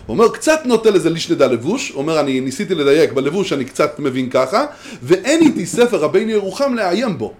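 Guy teaching talmud class, high lively voice, sings out the quotes. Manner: animated, chanting quoted texts. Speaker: Torah teacher. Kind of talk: Talmudic lecture.

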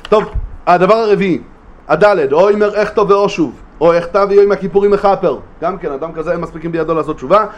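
Guy teaching a torah class, fairly high voice, gets worked up asking questions, lots of restarts. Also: muffled recording. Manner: animated, rising to emphatic rhetorical questions, with hesitant restarts. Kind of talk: religious study lesson.

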